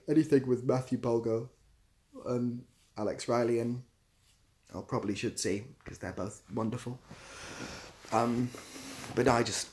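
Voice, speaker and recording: A mid-range, slightly mellow male voice belongs to an ASMR creator and theatre assistant producer. Hosting a relaxed livestream, he rambles through viewer comments, often searching for the right word.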